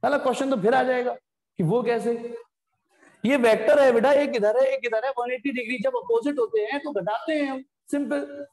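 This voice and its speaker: A man's voice: very high voice, steady tone, normal speed, darkish tone. A man teaching a physics class online, explaining step by step and breaking off to scold students bluntly. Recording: echoey room with long reverb.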